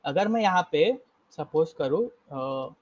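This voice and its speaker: A man's voice: fairly high pitch, lively intonation, slow, darkish tone, lo-fi sound. Man teaching code in a casual session. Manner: casual, explains step by step, frequent self-corrections. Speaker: coding instructor. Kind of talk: live coding lesson.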